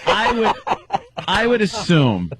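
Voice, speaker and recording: A man's voice: high-pitched, huge pitch swings, slow, very noisy. A man hosting a radio show in casual, jokey banter, often sounding incredulous.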